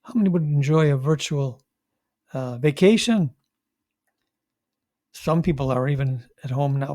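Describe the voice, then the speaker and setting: An older man, a priest, giving a conversational homily with halting restarts and wry asides. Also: mid-range voice, creaky, darkish tone, no room sound. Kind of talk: homily reflection.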